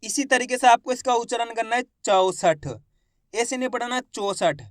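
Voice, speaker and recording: A man teaching Hindi reading, slowly sounding out each syllable with emphasis and speaking directly to his viewers. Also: extremely high pitch, little pitch movement, dry recording, studio quality. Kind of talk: slow phonics lesson, sounding out syllables.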